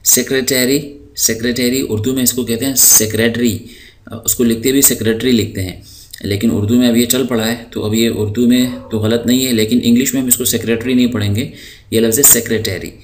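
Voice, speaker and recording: A man from Pakistan who teaches English words in a recorded lesson. He draws each word out slowly, then explains it patiently, with frequent hesitation fillers. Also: medium pitch, fairly even intonation, a little mellow, slight background noise.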